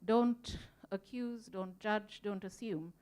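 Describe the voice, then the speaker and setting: On a conference-room panel, a museum volunteer from Sri Lanka speaks in a smooth, clear, middle-pitched voice with a darkish tone. Earnest and reflective, she works through each point and fills the pauses with ums.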